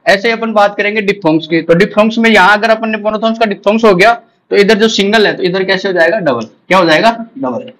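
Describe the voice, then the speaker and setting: Indian guy w teaching exam prep, pretty high voice, asks then answers himself over and over. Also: fast talker, a bit bright, poor audio. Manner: drills with repeated questions and answers.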